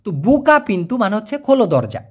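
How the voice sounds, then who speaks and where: A teacher, walking learners through new words one picture at a time. The pitch rises and falls a lot, and each new word is said twice or three times, with a quick "clear?" check to the viewer. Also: sing-song. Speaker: Malay language teacher. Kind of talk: vocabulary lesson explained over pictures.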